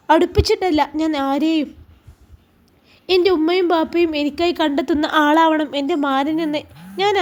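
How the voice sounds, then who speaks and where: A woman's voice: high-pitched, a little mellow, natural voice. A woman voicing a heartbroken young girl. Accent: Malabar Malayalam. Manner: sad, pleading, trembling lips.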